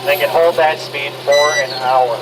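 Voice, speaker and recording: A man giving a scripted, joking tour over an outdoor loudspeaker on a zoo train, in a leisurely announcer manner. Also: on the high side, steady tone, measured pace. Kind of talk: scripted tour narration with jokes. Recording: distant loudspeaker with outdoor noise.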